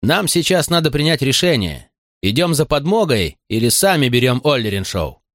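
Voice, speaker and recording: A level-headed frontier sheriff who speaks firmly and calmly, with lively pitch movement, as a male narrator acts him. The take is dry and close. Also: normal speed, dry recording. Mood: firm steady. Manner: firm, calming.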